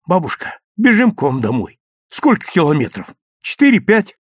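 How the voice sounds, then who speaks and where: An excitable young boy shouts in eager bursts, high and leaping in pitch, as a male storyteller puts him on. The reading is close and dry, like a children's audiobook. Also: moderate pace, husky, no echo. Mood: excited.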